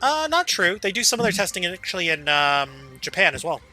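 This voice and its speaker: A man's voice: high-pitched, big pitch swings, fairly quick, sharp tone, soft background music. A man streaming a game, chatting casually and rambling, with a casual swear here and there. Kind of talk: casual gaming chat.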